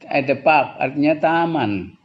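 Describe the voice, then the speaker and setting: This classroom lesson features a man with a fairly high, lively voice teaching English pronunciation, though the recording's highs are cut off. He explains patiently and slowly in two languages, often breaking into chuckles.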